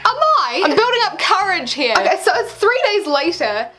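A woman's voice: extremely high pitch, sing-song, moderate pace, sharp tone, faint music behind. A teenage young woman reading her old diary aloud in a casual vlog, embarrassed and self-mocking, with theatrical emphasis on the read-out lines and dry commentary. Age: teens, about sixteen. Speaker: vlogger. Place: small bedroom, indoors.

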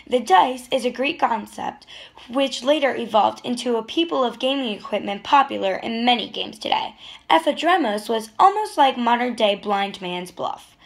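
A woman's voice: a little high, vocal fry. A teenage girl earnestly reading explanatory narration for a school history project. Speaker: student narrator.

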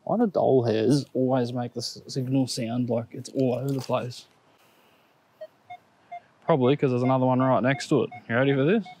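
An Australian man in his thirties metal detects on a grassy park lawn, chatting casually to viewers and laughing excitedly at his finds. His voice is medium-pitched, captured by an action camera on his body or set on the ground, with slight background noise.

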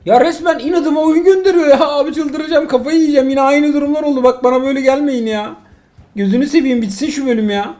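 A fast-talking, very high-pitched father in middle age jokes his way through a mobile driving game with his son. His casual commentary veers from excitement to exasperation.

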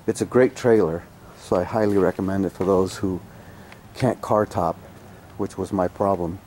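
A man with a fairly low, mellow voice talks through a casual product review, stopping often for fillers and restarts. He gives blunt opinions. He is recorded outdoors on a camera mic, with faint ambient noise behind him. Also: fairly even intonation, normal speed. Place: outdoors on a home driveway.

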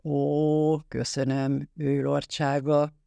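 A man's voice: on the high side, monotone, vocal fry, dark tone, no echo, studio quality. A man reading a bantering, mock-formal grown man. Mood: playful. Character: playful, joking grown man.

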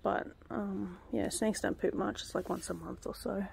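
With a creaky, medium-pitched voice at normal speed, a young woman casually vlogs her backyard garden outdoors, rambling with many ums and whispering when up close. The phone is held close, and slight background noise comes through.

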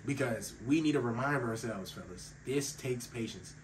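A man's voice: mid-range voice, normal speed. Young man, emphatic motivational talk, slightly sick voice, mic a little distant, faint background hiss. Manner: earnest and emphatic, calls listeners bro and fellas. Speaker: faith-based self-improvement YouTuber. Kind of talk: casual motivational talk to camera.

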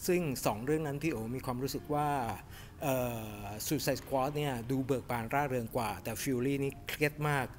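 A middle-aged man giving a casual, animated film review to camera in a cinema lobby, chatting with lots of fillers. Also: medium pitch, moderate pace, slight background noise. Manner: chatty and animated, refers to himself by nickname, many fillers. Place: cinema lobby in front of a movie poster, indoors.

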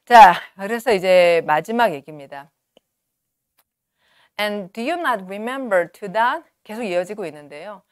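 A woman in her forties teaching in a studio, reading passages slowly and clearly, then explaining in quick asides. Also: medium pitch, lively intonation, no room sound. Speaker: English teacher. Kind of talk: lecture on a novel, reading lines aloud and explaining. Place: studio with a virtual backdrop. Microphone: lapel mic.

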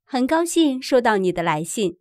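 A woman's voice: fairly high pitch, very animated, moderate pace, dry recording, clean studio sound. A woman reading short Chinese translations of each phrase.

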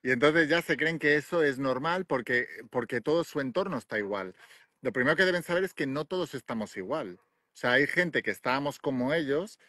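A man's voice: mid-range voice, animated, fairly quick, sharp tone, dry recording, studio quality. Assertive man, host. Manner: assertive, coaching. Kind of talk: video call interview. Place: outdoors by the sea. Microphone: phone at arm's length.

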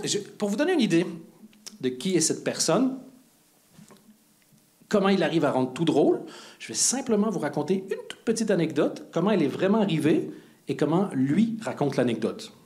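High-voiced man hosting a comedy night. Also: big pitch swings, moderate pace, a little mellow. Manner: playful, teasing the audience. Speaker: comedy club host. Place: comedy club stage.

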